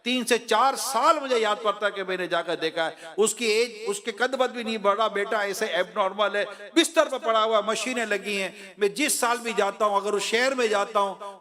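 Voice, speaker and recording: A man preaching an impassioned sermon, swinging between raised appeals and hushed storytelling. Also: high voice. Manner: impassioned, acts out voices of parents and children; drops to a hushed voice when telling a personal story. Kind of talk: emotional sermon.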